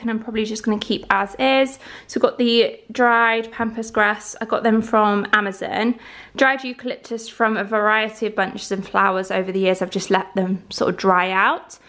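With a fairly high, slightly bright voice, a young Englishwoman talks casually as she cleans and dresses up her living room. She's upbeat and startles easily, and because the camera mic is across the room, the audio comes out distant and roomy.

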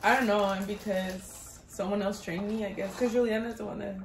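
A woman chatting casually as a guest in an eating video, soft-spoken and giggly. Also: mid-range voice, fairly even intonation, fairly quick, vocal fry. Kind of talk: casual chat. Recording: roomy echo with faint music.

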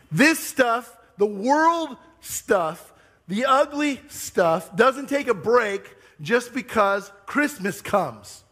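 Animated high-voiced preacher man. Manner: animated storytelling, high-pitched and wailing when retelling his tears. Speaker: pastor. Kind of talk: sermon. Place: church sanctuary.

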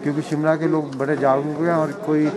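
A man in his fifties with an Indian accent, speaking earnestly and haltingly in a street interview at an outdoor market. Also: fairly high pitch, little pitch movement, poor audio. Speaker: interviewed resident. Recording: busy street crowd noise. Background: street crowd.

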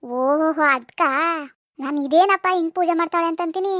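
Woman putting on a cartoon village mother, rural Karnataka Kannada accent, mocking scold, bright high voice, dry booth. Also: moderate pace, dry recording. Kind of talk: cartoon voice acting.

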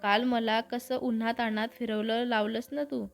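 A woman's voice: a little high, flat delivery, moderate pace, creaky, faint music behind. A woman voicing a cocky, teasing young man in a storybook reading. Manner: teasing, boastful.

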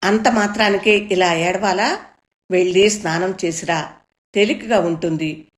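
A woman's voice: medium pitch, measured pace, reverberant, close to an everyday voice. A woman voicing an anxious, caring middle-aged mother who fusses over her daughter, raised a little above her own reading voice. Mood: reassuring. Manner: fretful and fussing, then soothing.

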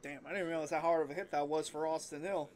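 A man reacting live to a car race as an emotional fan, loud and swearing heavily. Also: fairly high pitch, fairly even intonation, fast.

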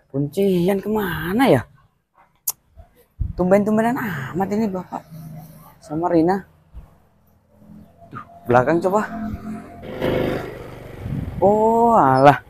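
A man in a village drama, calming and placating an angry elder. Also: high voice, slow pace, pauses often, a little hiss or hum. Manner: soothing, placating, chatty. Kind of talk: amateur village drama acting.

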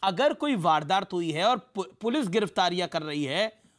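A man anchoring a heated TV debate, briskly cutting in to hand out turns and press his questions. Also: high voice, expressive, a bit bright.

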